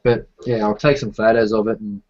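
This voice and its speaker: A man's voice: lowish voice, flat delivery, brisk. A man chatting casually and slangily about his hobby, with some swearing, on a group call. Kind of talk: casual hobby chat while building models. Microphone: online group call microphone. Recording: dull, lo-fi call audio.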